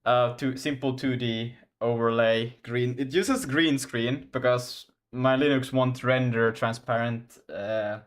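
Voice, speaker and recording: Coding live on stream, a young Finland-Swedish game developer whose native language is Swedish rambles in casual chat, frequently restarting and laughing. His voice is medium in pitch and steady, slow-paced with few pauses.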